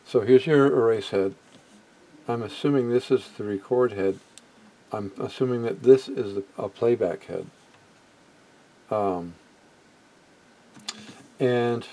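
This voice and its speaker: A mid-range, dark-toned male voice comes through a low-quality home recording with background noise. The man, middle-aged or older, is a hobbyist demonstrating vintage electronics without a script. He works hands-on, musing hesitantly and regularly trailing off.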